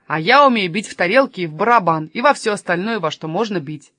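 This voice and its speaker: A woman's voice: medium pitch, expressive, fast talker, fairly bright tone, no echo. A woman voicing a cheerful, proud male robber who plays the drum, in a children's storybook reading.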